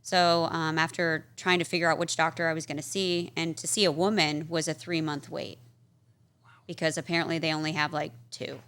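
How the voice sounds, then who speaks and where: Casting: woman guest, lowish voice with a bright, pushing edge, chatty storyteller who acts out the people she quotes. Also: level tone, fairly quick, clear, resonant tone. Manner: chatty, peppered with "like" and "um". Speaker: podcast guest. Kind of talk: casual storytelling interview. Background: interviewer's short backchannels.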